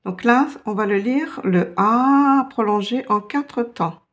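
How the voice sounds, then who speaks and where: A woman's voice: a little high, takes it slowly. A woman teaching a beginner language lesson, explaining patiently step by step. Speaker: Arabic teacher.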